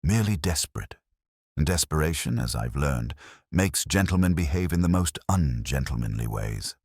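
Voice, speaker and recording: A man voicing a shrewd, genteel elderly spinster sleuth with a gentle, prim, polite manner. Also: rumbling low, expressive, normal speed, breathy edge, dry recording, clean studio sound, full character voice.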